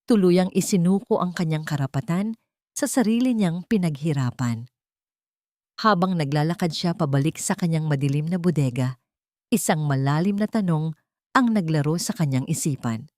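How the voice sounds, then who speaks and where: A Filipino woman narrates a dramatic audiobook story at normal speed, her fairly low voice carrying a darkish tone. The recording is dry and close, with little room sound and no echo.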